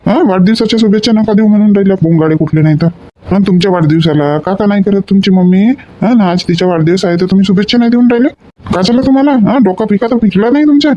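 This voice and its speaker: A man's voice: high-pitched, fast talker, dark tone, lightly acted. An actor playing a forgetful middle-aged father in a comedy sketch, grumbling and asking questions again and again. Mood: scolding. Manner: grumbling, asks questions repeatedly. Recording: dull lo-fi recording.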